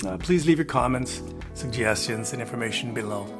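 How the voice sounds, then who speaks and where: A man's voice: mid-range voice, expressive, brisk. Older man, from Texas, casual vlog update, rambling folksy delivery, faint background music. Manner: rambling, many "uh" fillers, folksy asides. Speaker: RV travel vlogger. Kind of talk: casual talking-head update. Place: plain indoor room, grey wall.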